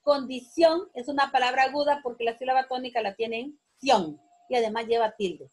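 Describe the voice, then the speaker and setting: A woman teacher explaining spelling to pupils, patient and deliberate, repeating each word and pausing to correct herself. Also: high-pitched, rough recording. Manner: slow, patient, repeating words syllable by syllable. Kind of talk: classroom lesson on accents.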